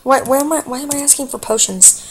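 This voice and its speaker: A chatty woman talks through a let's play in a fairly high voice, explaining her choices as she goes. Her delivery is casual and excitable, full of fillers, and she reacts out loud to every twist in the game. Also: fast, slight background noise. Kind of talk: casual gameplay commentary.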